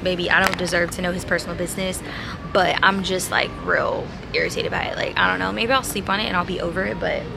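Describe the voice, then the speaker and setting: A woman's voice: mid-range voice, creaky. A young woman in her twenties vlogging to a handheld camera outdoors at night, chatty and sassy, talking to her viewers. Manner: chatty, sassy, addresses viewers as y'all and babes. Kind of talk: casual vlog talk to camera. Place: outdoor city terrace at night. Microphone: handheld camera at arm's length. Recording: noisy outdoor city street.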